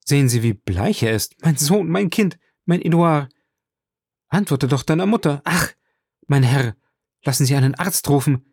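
A desperate young noble mother, voiced by a man, pleads in a high, breathless voice. The audiobook sound is dry and close, with some grit in the tone. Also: animated, unhurried, darkish tone, no room sound. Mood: frantic pleading. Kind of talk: audiobook reading.

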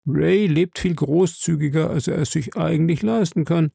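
A man reading aloud and voicing a calm, stout, middle-aged office manager who speaks in a measured, confiding way. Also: a little high, gravelly, husky, dry recording, studio quality, pitched above the performer's own voice, full character voice.

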